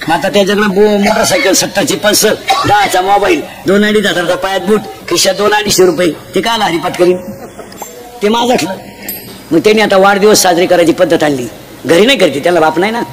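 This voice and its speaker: A man preaching a humorous devotional sermon, punchy and jokey, quizzing the crowd with sharp calls. He speaks into a stage mic at an outdoor gathering. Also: high voice, brisk. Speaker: kirtan preacher. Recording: loud crowd and heavy background noise.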